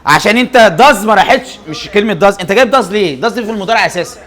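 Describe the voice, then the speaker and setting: In an English grammar lesson, a young man with an Egyptian Arabic accent quizzes his students rapidly and answers his own questions. He speaks in a high, expressive voice that's a bit bright.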